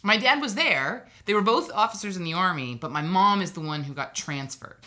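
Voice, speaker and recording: A woman's voice: lowish voice, animated, fairly quick, bright, forceful tone. A woman from Hawaii, a guest on a casual podcast, telling personal stories in a chatty, wry way with asides.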